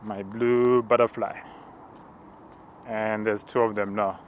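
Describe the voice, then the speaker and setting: Man, preacher, slow, hushed, monotone, halting, walking outdoors. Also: on the low side, a little hiss or hum. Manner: slow, hushed, halting and contemplative, with tongues-like words. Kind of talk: spoken prayer walk, narrated visions.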